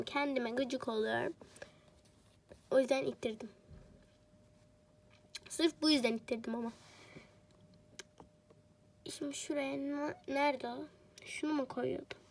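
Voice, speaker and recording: A woman's voice: high voice, darkish tone. A woman chatting casually while she plays a home-building game. She rambles and jokes to herself, and she is a bit sick. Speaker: game streamer. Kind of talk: casual gameplay commentary.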